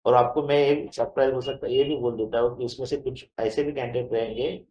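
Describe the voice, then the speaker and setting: Guy in his 40s talking real fast, rambly casual interview, echoey room, kinda dull lo-fi sound. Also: medium pitch, fairly even intonation, darkish tone. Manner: explains at length in loose conversational speech. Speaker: local party politician, interview guest.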